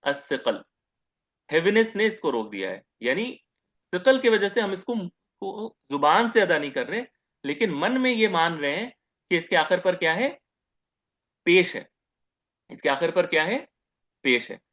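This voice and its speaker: A man giving a grammar lecture as teacher, posing questions to the class, answering them himself and repeating each term slowly. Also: high-pitched, sing-song, fairly bright tone, lo-fi sound. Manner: asks questions and answers them himself, repeats terms, says "okay" often.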